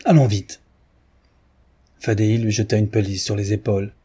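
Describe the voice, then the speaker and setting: A man narrating a classic novel in a measured, even reading style. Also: fairly low pitch, husky. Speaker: audiobook narrator. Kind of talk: literary narration.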